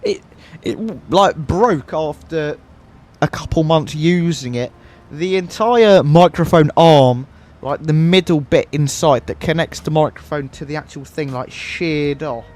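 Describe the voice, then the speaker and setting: A man chatting casually on a flight sim livestream, relaxed and laughing often, speaking into a headset mic. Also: a little high, unhurried. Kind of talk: casual livestream chat while flying. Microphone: headset microphone.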